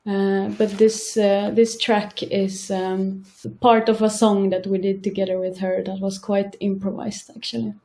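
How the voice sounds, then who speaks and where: A woman, a band member, speaking in an interview in a halting, thoughtful way with many pauses. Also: medium pitch, level tone, warm tone. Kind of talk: casual interview.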